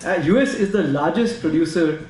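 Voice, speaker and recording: A man with an Indian accent on a discussion panel, talking quickly and saying "you know" a lot. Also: on the high side, expressive, a little mellow, echoey room, low-quality recording. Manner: fast, repeats "you know". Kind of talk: discussion talk.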